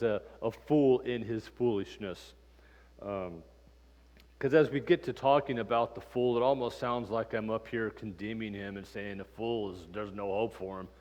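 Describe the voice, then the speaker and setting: A man teaching a casual Bible class in a church, talking in a relaxed, conversational way with plenty of ums and uhs and personal stories. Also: on the low side, moderate pace. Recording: reverberant church room.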